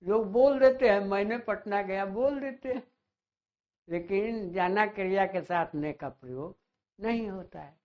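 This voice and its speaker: A man teaching a grammar lesson, slowly repeating and drawing out words. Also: sits high. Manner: slow, repeats words and stretches them out. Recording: dull lo-fi sound.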